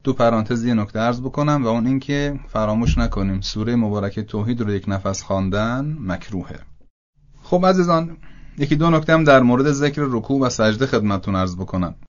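A man from Iran giving a lesson on correct prayer recitation, reciting Arabic phrases slowly and carefully as examples. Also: medium pitch, lively intonation, muffled recording. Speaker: religious teacher. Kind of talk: instructional talk on prayer recitation.

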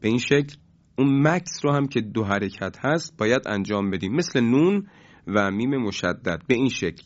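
A man teaching Quran recitation in a recorded lesson, his voice sitting at an ordinary middle pitch. He explains each point in a measured, patient way, with hesitant fillers between phrases. The recording sounds dull and lo-fi, with the top end muffled. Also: lively intonation.

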